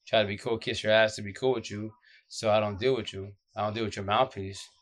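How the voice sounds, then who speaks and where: A man speaks in a low, groggy voice that sounds drained from lack of sleep. He gives advice casually and off the cuff, like a streamer talking to followers. His delivery is blunt and slangy, circling back over the same short phrases. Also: fairly even intonation, brisk. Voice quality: deep, groggy voice. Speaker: social media advice streamer.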